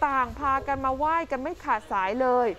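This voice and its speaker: A woman's voice: high-pitched, brisk, a bit bright, dull audio. A woman co-hosting a Thai TV news show, reading stories and trading chatty banter with her co-host in a studio. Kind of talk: casual news chat.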